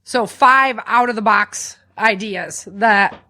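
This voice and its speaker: Chatting informally as though among friends, a podcast co-host explains practical tips. She has a bright, forward voice at medium pitch and speaks slowly.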